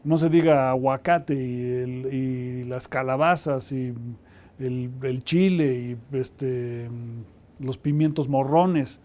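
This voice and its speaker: A man's voice: medium pitch, steady tone, slow pace, darkish tone. A man explaining in an interview, restarting his sentences now and then. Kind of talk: interview answer.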